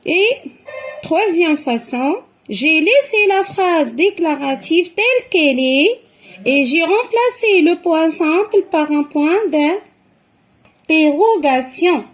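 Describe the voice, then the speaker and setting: Woman teacher, high voice, unhurried, patiently explaining grammar to children. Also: animated. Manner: slow, patient explaining with repetitions.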